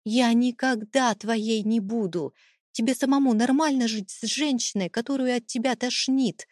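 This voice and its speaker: A woman's voice: mid-range voice, expressive, moderate pace, a little mellow, no echo, natural voice. Brief: woman playing a frightened, defiant young mother, dry close audiobook read. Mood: desperate defiance. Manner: pleading, defiant, tearful. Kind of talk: audiobook character reading.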